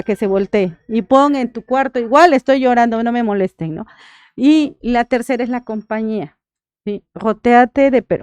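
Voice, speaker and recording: Smooth and slightly mellow, this woman's voice sits on the high side, and the recording has no room sound. She's a Mexican thanatologist appearing as a radio guest, offering heartfelt guidance and often pausing to ask "right?"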